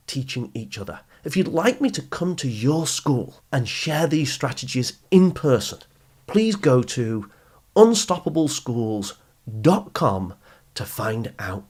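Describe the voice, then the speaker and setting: Talking straight to his audience, a podcast host and education speaker delivers scripted narration with an encouraging, instructive tone and emphatic phrasing. He has a medium-pitched, slightly mellow voice with a breathy edge, and he's expressive at a measured pace.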